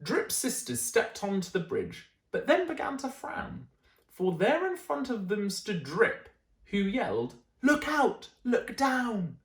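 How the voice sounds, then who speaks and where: A woman reads a bedtime picture book with a lively, sing-song delivery and small asides to her listeners. Her voice carries an echoey room sound. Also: medium pitch, measured pace. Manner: expressive, adds gentle asides. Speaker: teacher. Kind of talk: bedtime story reading.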